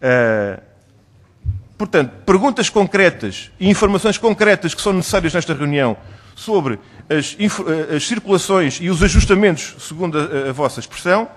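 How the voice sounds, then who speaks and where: A man's voice: sits high, animated, brisk. A man from Portugal with a European Portuguese accent, a member of parliament pressing a minister with insistent, rhetorical questions at a hearing.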